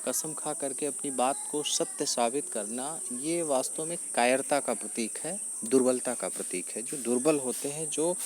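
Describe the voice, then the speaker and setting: A man teaching a Hindi poem. He recites verse lines slowly and then explains them at length, often repeating himself and pausing with fillers. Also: mid-range voice, a little mellow, a little hiss or hum.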